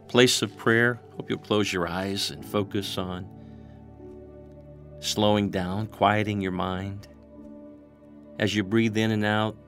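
Man, low voice, very slow, reverent prayer guide, soft music underneath.

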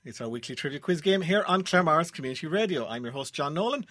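Irish male radio quiz host, higher-pitched, animated delivery. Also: quick pace. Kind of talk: radio trivia quiz presenting. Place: radio studio.

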